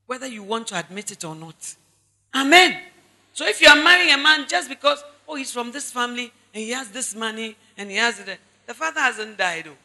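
Her voice on the high side, bright and forceful, a woman pastor with a Ghanaian accent preaches in a large hall. She stresses each point by repeating it and turns to address the congregation directly.

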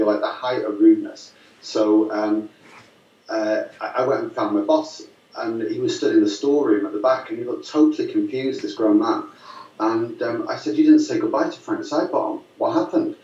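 Low-voiced man, distant roomy sound. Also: a little mellow, dull audio. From Lancashire, northwest England. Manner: rambling, many fillers and restarts, amused. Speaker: filmmaker guest. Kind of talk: casual storytelling interview.

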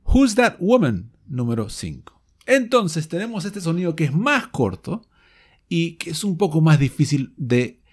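A man teaching English pronunciation to Spanish speakers, stretching out the example words slowly. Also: a little high, big pitch swings, breathy edge. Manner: slow, drawn-out demonstrations. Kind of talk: pronunciation lesson.

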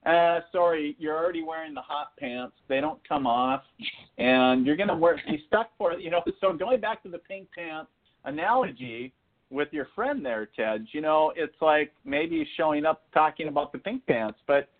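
An American man from northern Minnesota, a guest psychic medium, chats casually in an interview, joking, rambling and often saying "you know." His voice sits on the high side, with lively intonation and a moderate pace, and the audio sounds thin and phone-like.

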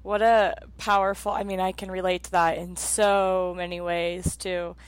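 A woman in her thirties with a somewhat low voice hosts a casual interview. She talks with empathy and often fills her phrases with "um" and "you know". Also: level tone, moderate pace, clean tone, no room sound, low-quality recording. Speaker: interview host, former soccer player.

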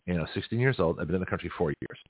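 A middle-aged Canadian man hosts a talk radio show, rambling through a casual monologue full of restarts and chuckles. His low voice moves very fast with a breathy edge. The audio is dry and tinny, like a phone line.

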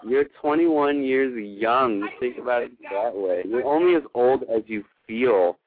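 This call-in show host speaks at a measured pace in a mid-range voice, offering callers earnest, affirming advice with emphatic spiritual-coaching energy. The recording is dry, with a narrow, phone-like radio quality.

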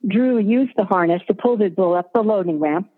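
A woman narrating a scripted story in an even, descriptive way, over a tinny line with long reverb. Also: mid-range voice, normal speed, breathy edge.

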